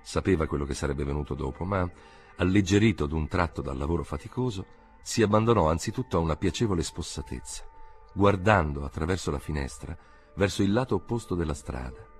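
A man narrating a literary audiobook in a measured, expressive way. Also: low voice, faint music behind. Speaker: audiobook reader. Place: recording studio.

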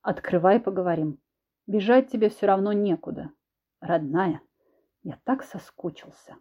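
A woman voicing a cruel, controlling husband who speaks low and slow with quiet, insinuating menace, in a dull lo-fi recording. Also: breathy edge, lightly acted. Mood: menacing.

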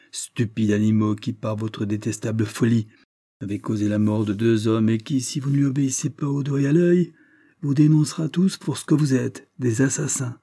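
A man's voice: mid-range voice, natural voice. A man voicing a mocking, domineering male detective who barks curt threats at a crowd. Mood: jeering. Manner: sharp, curt and jeering, barking threats.

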